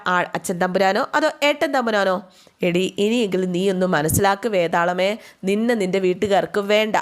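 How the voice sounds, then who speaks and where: A woman's voice: mid-range voice, lightly acted. Woman doing mocking young man. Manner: taunting, mocking.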